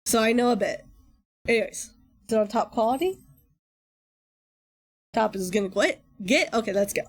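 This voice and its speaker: Woman vtuber streamer just chatting, kinda high voice, rambly and informal, reacting to vids. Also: lively intonation, moderate pace, husky. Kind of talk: casual livestream chat, reacting to videos.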